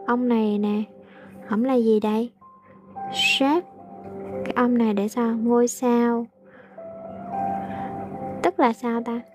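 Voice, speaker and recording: A woman English teacher, translating aloud slowly in a casual lesson with frequent hesitations. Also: a little high.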